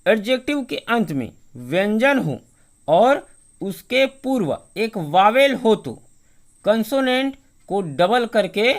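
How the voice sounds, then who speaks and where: Broadcast grammar teacher, mid-pitched, spells words out letter by letter, answers their own questions. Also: a bit bright. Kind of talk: televised grammar lesson.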